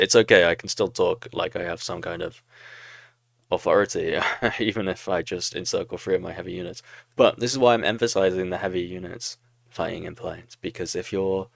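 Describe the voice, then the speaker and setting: A man's voice: low-pitched, creaky, fairly bright tone, no room sound, studio quality. A young man casually commentating his own strategy game replay, thinking aloud and criticizing his own moves with a laugh. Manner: self-critical, talks through moves, laughs at own mistakes.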